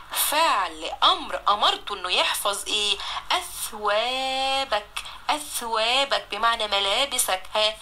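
A woman with an Egyptian accent teaches a recorded primary-school Arabic lesson, stretching words out slowly to sound them out and praising her pupils. Her mid-range voice has a sharp tone, with a little hiss or hum in the recording.

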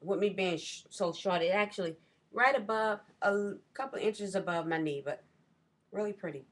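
At a desk in a small room at home, a middle-aged vlogger talks into her webcam with a medium-pitched voice at a moderate pace. She shows off her shopping haul in a casual way, rambling and correcting herself as she goes.

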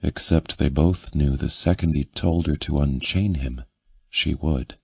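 Male audiobook narrator, extremely deep, husky voice, slow intimate reading, dry close mic. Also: darkish tone. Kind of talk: scripted narration.

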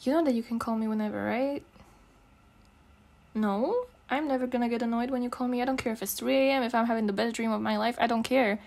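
This young woman from Eastern Europe talks fast in a slightly high, gravelly, somewhat mellow voice. She's doing an ASMR roleplay as a girlfriend, affectionate, teasing and full of slang in a casual, intimate way.

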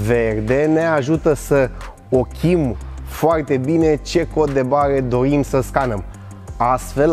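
In a large warehouse, a man in his thirties presents and demonstrates a product in an upbeat, scripted way, walking and working as he talks. His voice is mid-range with a darkish tone.

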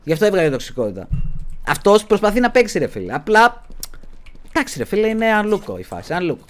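Loud, animated young male streamer. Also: high-pitched. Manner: swears a lot, shouts and rants at teammates. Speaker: game streamer. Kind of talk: excited live gameplay commentary.

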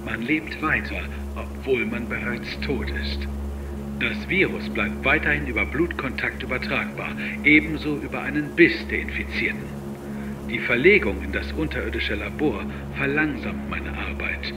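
In a German audio drama, an actor plays a grave male virologist dictating a formal, clinical audio log in a measured way. His medium-pitched voice sounds close to everyday speech, with loud music playing behind it.

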